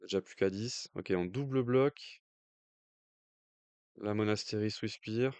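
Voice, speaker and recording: A French-accented man talks through a card game match in an easy, chatty commentary style, pausing on fillers as he thinks aloud. His voice sits fairly low and comes across clean and smooth. The recording is dry, with no room echo. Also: a little mellow. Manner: jokey aside in accented English. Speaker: stream commentator.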